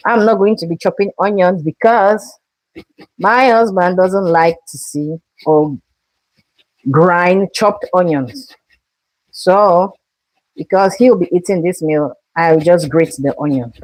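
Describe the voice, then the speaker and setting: Speaking slowly in a lowish voice, a woman from Cameroon runs a live cooking broadcast from her kitchen, saying hello to viewers and guiding them step by step. The audio is poor, though free of echo.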